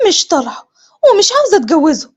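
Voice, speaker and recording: امرأة تؤدي صوت فتاة شابة عنيدة ترفض عريسها، بلهجة مصرية وصوت أعلى. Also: female voice, high-pitched, lively intonation, fast, a little mellow. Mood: stubborn. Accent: Egyptian. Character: young woman, stubborn bride refusing her cousin.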